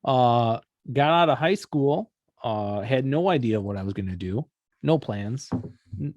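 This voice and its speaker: A man's voice: mid-range voice, lively intonation, a little slow, darkish tone, no room sound, lo-fi sound. A young man from Wisconsin co-hosting a podcast, chatting casually and teasing with joking banter. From Wisconsin, USA. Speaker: podcast co-host. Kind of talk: casual chat.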